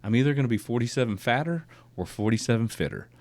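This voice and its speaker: A man's voice: mid-range voice, animated, fast, a little mellow. A man in his forties hosting a conversational podcast, reflective and building to emphatic points. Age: 40s. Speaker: podcast host. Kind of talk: casual conversation.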